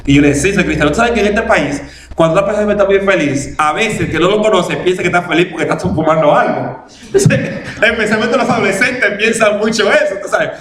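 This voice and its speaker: A man's voice: high voice, fairly quick. A man pastor, preaching a storytelling sermon in a church and acting out past conversations. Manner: animated, laughing testimony, acting out past conversations. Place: church in Massachusetts. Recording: echoey church hall, faint room ambience.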